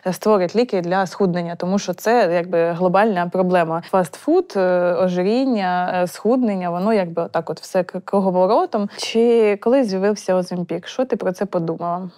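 A woman co-hosts a relaxed talk show, speaking casually. She hesitates often and fills pauses with small fillers while she searches for her words. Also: on the low side. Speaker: co-host. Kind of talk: casual chat.

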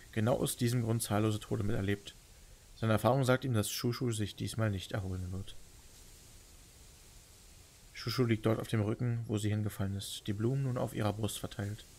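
A man's voice: lowish voice, vocal fry. A man reading a video game's story aloud as dramatic narration. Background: music.

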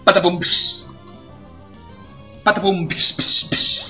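Young man, casual let's play chatter, jokey and crude, high bright voice, faint game music behind. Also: level tone, takes it slowly. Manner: jokey, swears a lot, laughs at own jokes. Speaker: gameplay commentator.

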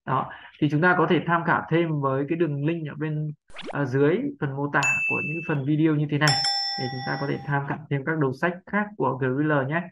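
A man explains a pronunciation lesson step by step, patient and checking in with his listeners. His voice sits a little high for a man. The recording is dull and lo-fi. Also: steady tone, brisk, a bit bright, slight background noise. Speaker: English pronunciation teacher. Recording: dull lo-fi sound.

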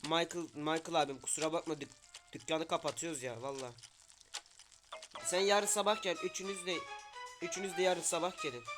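Male gaming streamer, casual running talk with loud outbursts, faint music bed. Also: fairly high pitch, fairly quick, long pauses. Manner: talks to game characters, loud sudden outbursts. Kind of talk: casual game commentary.

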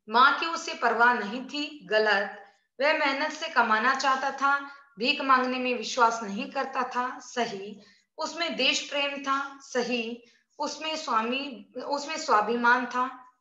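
A woman teacher giving an online class, going through exercise answers slowly and clearly for her pupils. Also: high-pitched, sharp tone. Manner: slow, deliberate, repeating answers clearly for pupils. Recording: echoey, dull lo-fi room recording.

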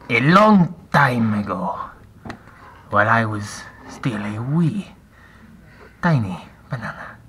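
A man's voice: fairly low pitch, slight background noise. A man voicing a scheming, vengeful talking banana with a put-on Mexican accent in a homemade comedy sketch, often dropping to a sinister whisper. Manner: hushed, sinister whispering asides.

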